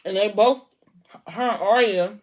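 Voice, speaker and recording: A woman's voice: mid-range voice, unhurried, muffled recording. A woman vlogger retelling a story in a casual, colloquial, gossipy way with acted-out dialogue.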